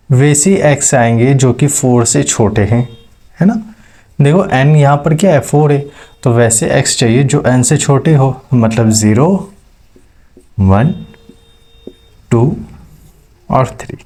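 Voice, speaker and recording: A man's voice: mid-range voice, warm tone. A man teaching maths step by step, checking in with his students as he explains. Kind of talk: classroom lecture.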